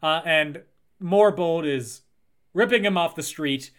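Bright-voiced man recapping a film. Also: fairly high pitch, takes it slowly, clear, resonant tone. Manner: recounts plot, acts out quotes with lively jumps. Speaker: podcast co-host. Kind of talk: casual film recap chat.

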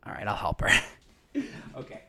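A man hosting his own podcast, chatting casually and talking fast, with lots of fillers and restarts. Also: sharp tone, a little hiss or hum. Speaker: podcast host. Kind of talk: casual solo podcast intro.

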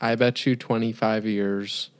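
A man's voice: fairly low pitch, little pitch movement, a little slow, smooth. Joking young man co-hosting a chat. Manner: joking, asks questions and bounces between ideas. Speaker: podcast co-host. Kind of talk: casual chat. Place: home, remote recording.

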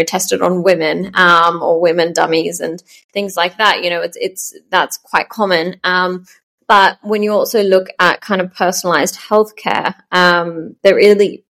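A woman, a startup founder chatting in an interview, full of ums and soft laughs. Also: fairly low pitch, gravelly. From Australia. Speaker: startup founder, podcast guest. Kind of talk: casual interview chat.

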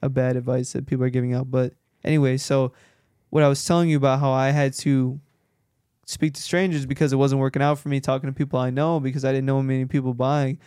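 A man, a podcast host who works in real estate, chatting casually and telling animated stories. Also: medium pitch, quick pace, clear, resonant tone, no room sound, clean studio sound. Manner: animated storyteller who acts out quoted dialogue.

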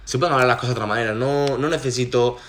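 A young man hosts a casual podcast chat. He speaks at an ordinary pitch in a relaxed, reflective way, often pausing for little asides before landing his point. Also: a little hiss or hum. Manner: relaxed, reflective, talks it through with many asides. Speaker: podcast host.

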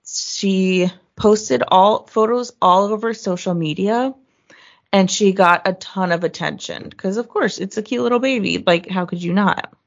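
A young woman telling a true crime story to a friend on a podcast, her voice carrying a gravelly fry. She chats loosely, swears now and then and pitches up to quote people. The sound is a little dull and lo-fi. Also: unhurried. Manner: chatty, swears casually, acts out quotes in a higher voice. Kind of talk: casual storytelling chat.

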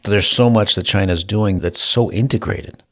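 A co-host on a casual podcast, this man explains global trade and food prices with dry humor. His voice is fairly low and fairly bright, at a moderate pace.

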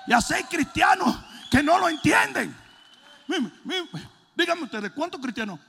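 A man preaching a sermon, joking and shouting in turns. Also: very high-pitched, normal speed, gravelly. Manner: animated, jokey, swings between shouting and mimicking. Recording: long hall reverb.

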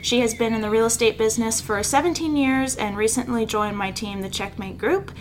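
A woman in her twenties hosting a casual interview podcast, bubbly and quick to react. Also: fairly high pitch, a little hiss or hum. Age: 20s. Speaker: podcast host, real estate agent.

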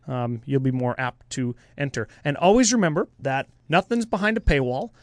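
A man's voice: mid-range voice, lively intonation, normal speed, dry recording, clean studio sound. A man co-hosting a podcast, easygoing and casual, walking through a giveaway and show plans. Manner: easygoing, runs the giveaway details. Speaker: podcast co-host.

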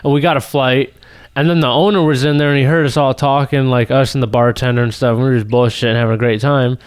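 A man's voice: mid-range voice, fairly even intonation, fast talker, clear, resonant tone, dry recording. A young man co-hosting a podcast, telling casual stories in a slangy, sweary frat-bro manner. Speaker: podcast co-host. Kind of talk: casual banter and storytelling.

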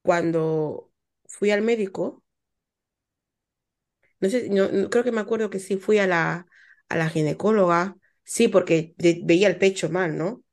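A woman telling a personal story in casual chat, animated and full of repetitions and asides. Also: on the low side, unhurried. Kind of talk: casual chat about motherhood.

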